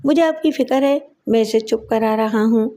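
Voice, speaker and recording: A bullying husband growls threats in an audio story, acted by a woman narrator. The tone stays mellow and slightly high, with a rough edge in the words. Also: natural voice. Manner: gruff threats, then pleading. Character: rough, bullying servant husband, grown man.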